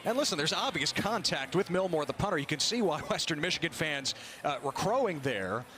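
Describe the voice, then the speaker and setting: Higher-pitched male football play-by-play commentator. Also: very animated, fairly quick, bright, forceful tone, faint music behind. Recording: clear stadium background noise. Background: outdoor stadium ambience.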